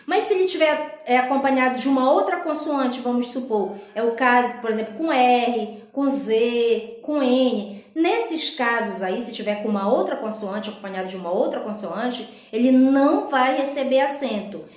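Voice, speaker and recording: Brazilian woman, teacher, high and unhurried, patient step-by-step explainer, roomy echo. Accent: Brazilian Portuguese. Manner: explains step by step, often checks in with the class. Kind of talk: recorded school lesson. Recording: echoey room.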